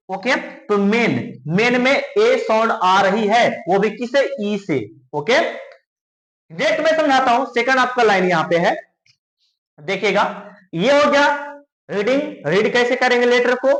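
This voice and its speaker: A man's voice: very high voice, fairly bright tone, echoey room, low-quality recording. A male teacher from India, giving a pronunciation lesson in Hindi and quizzing his students with repeated questions. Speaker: English teacher.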